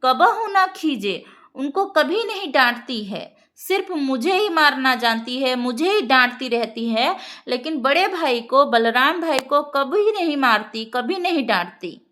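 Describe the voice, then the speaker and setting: High, bright-voiced woman teaching slowly. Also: lively intonation. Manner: explanatory, checks in with listeners, recites verse lines slowly. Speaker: Hindi teacher. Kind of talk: explaining a poem in an exam-prep lesson.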